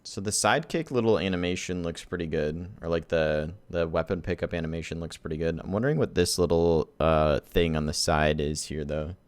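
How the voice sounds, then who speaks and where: Low-voiced chatty gamer guy. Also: a little fast, few pauses, smooth, dry recording. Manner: excited, chatty, slangy. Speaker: gaming YouTuber. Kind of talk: casual reaction commentary.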